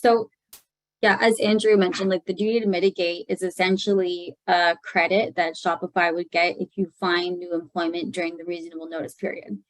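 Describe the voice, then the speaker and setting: A woman's voice: on the low side, level tone, fairly quick, no room sound, rough recording. A Canadian woman lawyer explaining legal duties in an information session, carefully, with many fillers. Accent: Canadian English. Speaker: employment lawyer.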